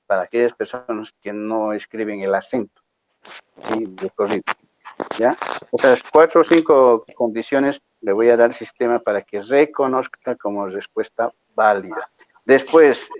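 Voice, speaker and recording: A man's voice: on the low side, a little mellow, no echo, lo-fi sound. A male lecturer patiently explaining exam rules to a class, often checking that students follow. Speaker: university lecturer.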